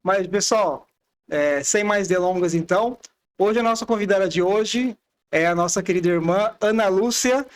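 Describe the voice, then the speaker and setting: A chatty, loose-mannered man in his twenties hosts a casual religious podcast. His voice is high-pitched and he speaks at a moderate pace.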